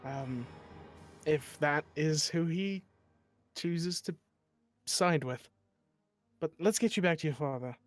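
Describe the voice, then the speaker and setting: A man's voice: fairly high pitch, takes it slowly, pauses often, dry recording, soft background music. A man playing his character in a tabletop game, talking in an earnest, slightly formal way. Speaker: player. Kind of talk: in-character tabletop role-play.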